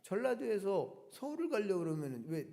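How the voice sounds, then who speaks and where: A man's voice: sits high, sing-song, a little fast, creaky, dark tone. A male pastor preaching a Sunday sermon, talking directly to the congregation with rhetorical questions and emphatic repetition. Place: church sanctuary. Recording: long church reverb.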